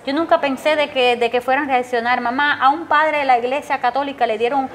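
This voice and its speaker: A woman's voice: fairly even intonation, fast, a bit bright. A middle-aged Cuban woman gives an emotional personal testimony about her son, telling events in long runs and raising her voice when she repeats what he said. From Cuba. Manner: tells events in long runs, acts out her son's words in a raised pitch. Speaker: interviewee, mother of a jailed protester.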